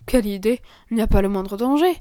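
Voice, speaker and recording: A woman's voice: medium pitch, fast, dark tone, dry recording, clean studio sound, close to an everyday voice. A woman voicing a remorseful young girl who pleads through her tears. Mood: bold. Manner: pleading, tearful. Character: remorseful unhappy young girl, quick-tempered.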